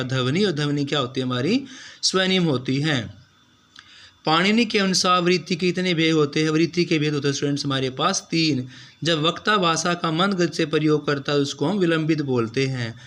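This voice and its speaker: A male teacher works through exam questions with a voice pitched a little high for a man. He asks each question, answers it himself, then repeats the answer. He keeps speaking directly to his students. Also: a bit bright. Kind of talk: exam-prep lecture.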